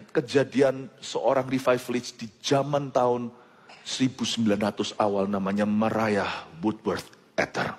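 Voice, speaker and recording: An Indonesian man delivers an animated sermon in a large hall, imitating the sounds of foreign languages. His mid-range voice has a breathy edge and swings between loud and hushed passages.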